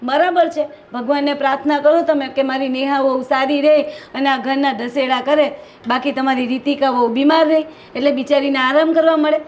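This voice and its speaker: An actress playing a hardworking, resentful daughter-in-law who complains constantly, with a Gujarati accent. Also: female voice, high voice, fairly even intonation, a little fast, close to an everyday voice. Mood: aggrieved. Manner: complaining, aggrieved.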